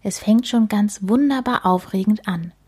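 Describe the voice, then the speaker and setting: Soft breathy woman storyteller. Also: medium pitch, moderate pace. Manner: soft, often near-whispered, gentle. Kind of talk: children's storybook narration.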